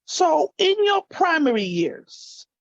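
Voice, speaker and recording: A woman's voice: high voice, big pitch swings, slow, no echo. A woman in her thirties hosting an online interview show, enthusiastic and affirming. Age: 30s. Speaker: host. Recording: dry, slightly dull sound.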